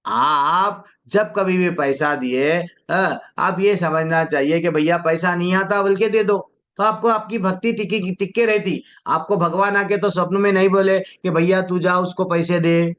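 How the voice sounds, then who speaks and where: A man leads a devotional class in a fairly high voice, talking casually and slipping into the voices of the people in his stories. He chants scripture slowly and deliberately. The recording sounds dull and lo-fi. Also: a bit bright. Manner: conversational, acts out quoted people, chants verses slowly. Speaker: devotional teacher. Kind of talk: Hindi devotional class talk.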